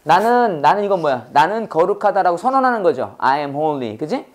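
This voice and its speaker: A man's voice: high voice, very animated, normal speed. A man teaching an English lesson to a class, drilling students with constant questions and exaggerated pronunciation. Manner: drills students with repeated call-and-response questions.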